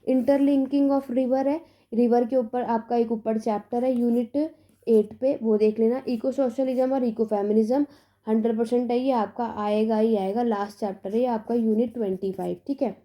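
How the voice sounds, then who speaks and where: Young female tutor, casual exam-tips lesson, insistent and reassuring, mellow and fairly high. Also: fairly even intonation, normal speed. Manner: emphatic, repetitive reassurance with "theek hai" checks.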